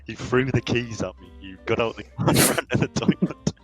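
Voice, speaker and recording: A man's voice: medium pitch, a little fast, breathy edge, soft background music, rough recording. A young man, rambling through anecdotes on a casual podcast. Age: young adult. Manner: rambling anecdotes full of fillers. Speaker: podcast co-host. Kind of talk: casual chat.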